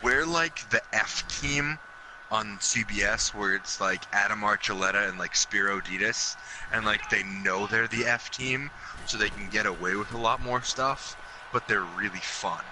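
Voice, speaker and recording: A young man doing color commentary on a video game, rambling in an animated way and laughing easily. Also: on the low side, unhurried. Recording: audible background noise.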